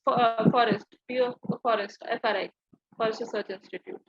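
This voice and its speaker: High-pitched, husky young Indian woman, formal candidate. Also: steady tone. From Dehradun, India. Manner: deferential, halting, addresses interviewer as sir. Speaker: civil service interview candidate. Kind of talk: formal mock interview answers. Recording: dull, lo-fi dry audio.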